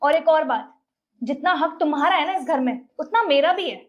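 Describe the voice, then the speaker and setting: A woman's voice: high voice, normal speed, lightly acted. An actress playing a defiant young wife who scolds her husband indignantly.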